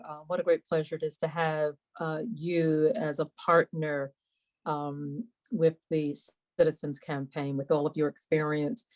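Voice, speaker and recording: Lady hosting a webinar q&a, pretty deep voice, polite and a little formal. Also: a little mellow. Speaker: webinar host and moderator. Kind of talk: moderating a live question and answer session. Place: online webinar call.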